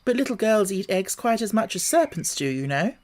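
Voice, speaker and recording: A man's voice: high-pitched, big pitch swings, fairly quick, pitched above the performer's own voice. A man voicing a polite, truthful little girl who talks earnestly. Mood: protesting.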